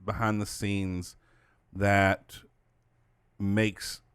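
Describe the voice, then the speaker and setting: A man hosts a podcast in a relaxed, casual way, asking questions and nudging his guest along with little uh-huhs. His voice sits on the low side. The sound is dry and close. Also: very slow, clean tone, no room sound. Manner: relaxed, encouraging interviewer with frequent backchannels. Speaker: podcast host. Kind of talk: casual chat.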